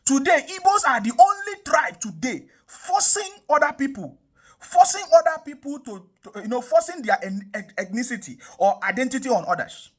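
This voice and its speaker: A young adult Nigerian man from the South South delivers impassioned political commentary online, emphatic and repetitive, with frequent rhetorical questions. His voice is very high-pitched and very animated, and he speaks at a moderate pace.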